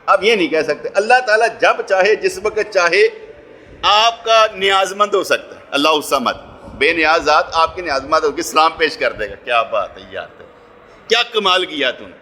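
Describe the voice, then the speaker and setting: Punjabi-accented preacher with a bright voice. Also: male voice, fairly high pitch, lively intonation, slight background noise. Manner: storytelling, acts out voices, swings between loud and hushed. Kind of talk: Friday sermon.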